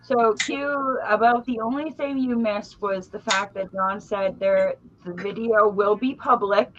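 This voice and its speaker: A woman's voice: mid-range voice, steady tone, measured pace, noisy background. A woman co-hosting a casual livestream group chat. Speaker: livestream co-host. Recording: dull, slightly muffled audio.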